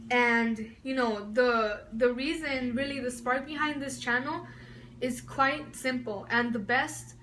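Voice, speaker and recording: A woman in her early twenties, originally from Mexico and raised in Southern California, rambles enthusiastically in a casual vlog to camera from home, with many fillers and restarts. Her voice is high-pitched and fairly bright, her intonation fairly even, and her pace slow. The recording is rough, with slight background noise.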